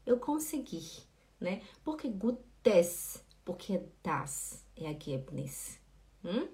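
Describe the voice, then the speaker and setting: A woman giving a live-streamed German lesson, chatting with viewers and patiently repeating words. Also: a little high. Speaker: German teacher.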